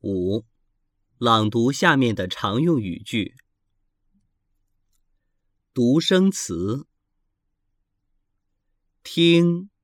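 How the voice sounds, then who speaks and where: A man reading textbook pronunciation drills, enunciating each word carefully with pauses between them. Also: mid-range voice, no room sound, studio quality. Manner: carefully enunciated, each syllable held apart. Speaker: language teacher reading drills.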